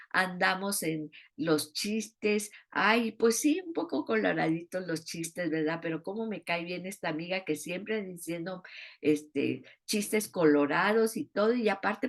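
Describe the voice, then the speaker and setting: A woman teaching a Bible study in an expressive way, often asking her listeners rhetorical questions. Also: fairly low pitch, creaky.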